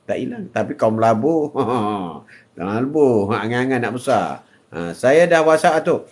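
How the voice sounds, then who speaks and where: A man's voice: mid-range voice, expressive, moderate pace. An older man with a Malaysian Malay accent, hosting a casual live-stream chat, joking, laughing often and reading out viewer comments. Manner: jokey, laughs often, mixes in English phrases.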